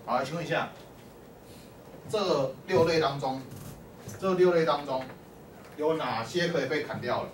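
A man's voice: fairly high pitch, unhurried, pauses often. Guy teaching math, mic far off, roomy echo, keeps quizzing the class. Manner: constantly quizzes the class, peppering speech with "lai" and "o" prompts. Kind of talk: classroom lecture. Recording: echoey classroom from far off with faint hum.

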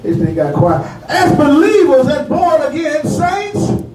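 A man's voice: very high voice, wildly swooping pitch, unhurried, a crowd in the background. A man, preaching a call-and-response sermon and teasing the congregation. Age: 40s. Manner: preaching, repeats lines and teases the congregation. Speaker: pastor. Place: church sanctuary. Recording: echoey church, far mic, congregation heard.

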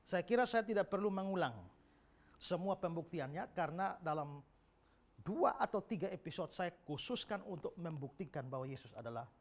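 A man's voice: high-pitched, animated, moderate pace. A middle-aged man, a pastor, giving an emphatic Bible teaching and acting out quoted speech.

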